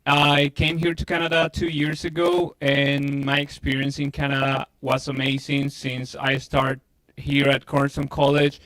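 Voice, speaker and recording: A man's voice: mid-range voice, completely flat delivery, unhurried, a bit bright, low-quality recording. A man from Ecuador working as a recruitment manager, friendly and enthusiastic as he introduces himself.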